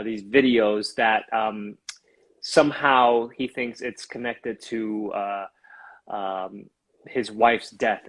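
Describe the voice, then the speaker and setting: A man's voice: lowish voice, poor audio. A man, an actor, chatting casually and rambling on a phone livestream while promoting his film. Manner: rambling, self-aware filler talk; upbeat and chatty with guest.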